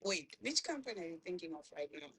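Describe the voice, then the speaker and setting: A woman's voice: fairly low pitch, very animated, sharp tone, rough recording. A woman, a guest on a live chat, answering bluntly with dry jokes. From South Africa. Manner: blunt, joking quick replies. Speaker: guest caller.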